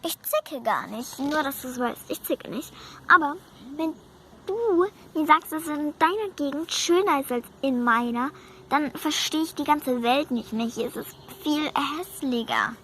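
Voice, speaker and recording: A woman's voice: high voice, animated, measured pace, fairly bright tone, slight background noise, pitched above the performer's own voice. Woman voicing a whiny hungry young horse. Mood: complaining. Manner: sulky, complaining.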